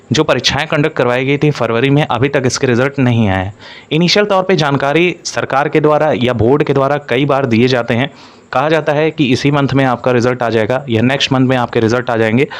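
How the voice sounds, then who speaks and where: Leaning heavily on recurring stock phrases, a mid-range-voiced male exam-coaching presenter walks candidates through an update.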